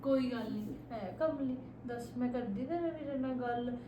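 A woman's voice: fairly high pitch, normal speed, reverberant, noisy background. A woman in an amateur short-film drama, speaking in a coaxing, affectionate, teasing way. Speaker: sister-in-law in a short film.

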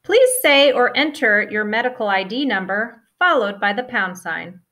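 A woman voicing recorded pharmacy phone prompts in a polite, measured way. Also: mid-range voice, animated, pushed and bright. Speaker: automated phone menu voice.

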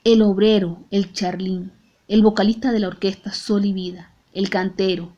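A woman with a Latin American Spanish accent narrating an audiobook in a measured, grave tone. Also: medium pitch, fairly even intonation, mellow, dull audio. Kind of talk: audiobook reading.

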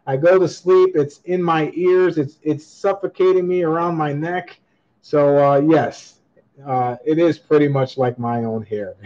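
Male livestream auction host, unhurried casual chat, chatty and upbeat, dull webcam sound. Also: fairly high pitch, mellow. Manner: upbeat, reads chat comments aloud and laughs often. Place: indoor room at a table with coins, voice off camera. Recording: slightly dull lo-fi webcam audio.

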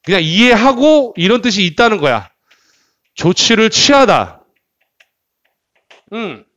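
A man teaching English in a lively classroom lecture style, often repeating words and asking the class questions. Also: high-pitched, takes it slowly, no room sound. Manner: animated, repeats words and asks rhetorical questions.

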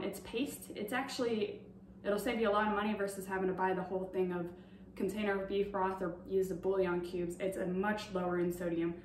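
A woman's voice: mid-range voice, a little hiss or hum. A young woman casually demonstrating a recipe in a home kitchen, explaining each step as she goes with plenty of fillers. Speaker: cooking demonstrator. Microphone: far camera on a tripod. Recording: roomy, distant camera audio.

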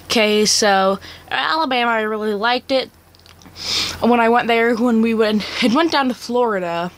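A woman's voice: on the high side, normal speed. A teenage girl from Kansas chatting casually while she takes an online quiz, rambling, correcting herself and giggling often. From Kansas, USA. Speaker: vlogger.

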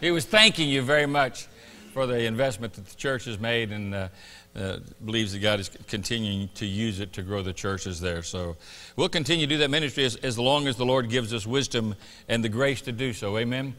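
A middle-aged pastor preaches a conversational sermon from a church sanctuary stage, picked up by a lapel mic with long hall reverb. His medium-pitched voice sounds pushed and bright, and he talks fairly quickly.

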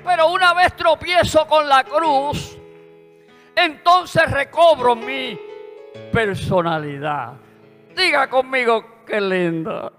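A man with a Puerto Rican accent preaches with a strikingly high, bright and forceful voice. He is fervent and pushes into shouted praise. The sound is a long church reverb with instrumental music playing behind him. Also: expressive, takes it slowly. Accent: Puerto Rican Spanish. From Puerto Rico. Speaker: pastor. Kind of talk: preaching a sermon. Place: church sanctuary.

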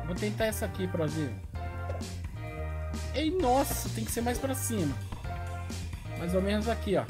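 Brazilian man, high voice, very animated swings, slangy game commentary, music playing behind. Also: normal speed. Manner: excitable, slangy exclamations. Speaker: gaming video host. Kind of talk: casual gameplay commentary. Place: small room at home.

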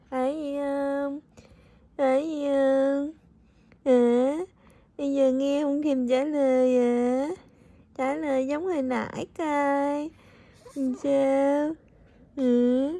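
A woman's voice: high voice, mellow, no echo. A young mother, coaxing her infant in sing-song baby talk while filming at home on a phone.

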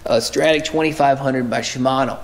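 A man in his thirties talks fairly quickly in a medium-pitched voice with fairly even intonation, a little background noise audible. Hosting a fishing show from an indoor tackle room with lures covering the wall, he explains his methods casually to a nearby camera and corrects himself now and then.

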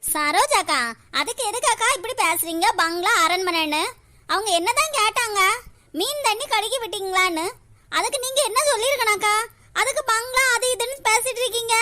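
A woman's voice: very high-pitched, brisk, sharp tone. A woman voicing a well-off village woman in a cartoon, aggrieved and pleading with the neighbours. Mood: reproachful. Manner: pleading, aggrieved, repeats "akka". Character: well-off village woman defending her family. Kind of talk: animated cartoon voice acting.

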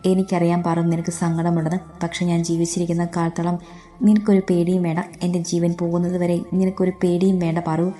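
Devoted young man, read by a woman, earnest and tender, low flat delivery, mellow tone, storybook. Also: brisk, soft background music, close to an everyday voice. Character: protective young man, fiercely devoted lover.

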